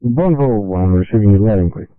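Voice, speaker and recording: A man's voice: fairly low pitch, expressive, fast, smooth, dry recording. A man passing procedural emergency messages over a two-way radio. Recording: narrow-band dry radio transmission.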